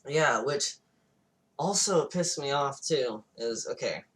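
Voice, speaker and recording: A man's voice: medium pitch, expressive, takes it slowly, fairly bright tone, recorded from a distance. A man co-hosting a podcast, retelling a movie plot in casual, profane chat. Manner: loose, profane retelling with acted-out quotes. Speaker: podcast co-host.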